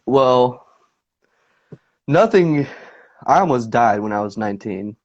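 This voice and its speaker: A man's voice: medium pitch, lively intonation, takes it slowly. A young man chats loosely as a guest, leaning on fillers and restarts as he tells his stories. His voice sits mid-range and comes through a dull, lo-fi call line. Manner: laid-back, rambling storyteller with lots of fillers. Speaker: guest musician. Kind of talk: casual interview chat.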